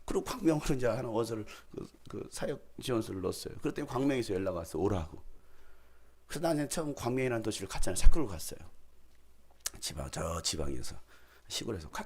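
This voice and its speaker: A man's voice: medium pitch, darkish tone, slightly rough. A middle-aged man preaching a sermon as a pastor, telling humorous anecdotes and acting out dialogue. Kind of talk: sermon with storytelling.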